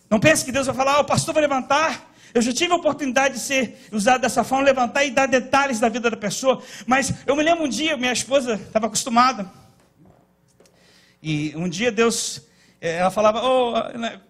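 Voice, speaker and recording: A pastor from Northeast Brazil, with a Northeastern Brazilian accent and an extremely high-pitched voice, preaches a church sermon. He swings between loud shouting and quiet storytelling.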